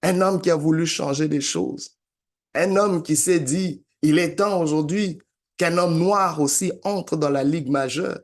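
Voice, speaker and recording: A man delivers a motivational talk in an unhurried, emphatic cadence. His voice sits a little high for a man, and he leans on repetition like a preacher building a point. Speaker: motivational speaker. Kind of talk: motivational sermon-style talk.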